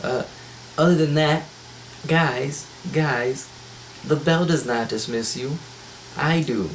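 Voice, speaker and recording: A man's voice: fairly high pitch, slow pace, slight background noise. A man hosting a casual podcast chat over a voice call, blunt and wisecracking as he runs the show. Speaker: podcast host. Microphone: voice call microphone.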